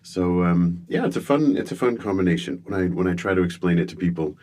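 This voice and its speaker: A middle-aged comedian born in the United Kingdom to American parents speaks in a low, slightly mellow voice, a little fast. As a guest in a relaxed interview, he tells wry, self-deprecating stories with frequent restarts.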